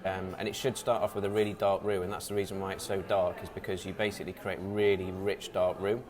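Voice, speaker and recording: A man's voice: low voice, little pitch movement, fast, crowd noise. A man co-hosting a casual food chat, explaining dishes and listing ingredients with many ums. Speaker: deli co-host.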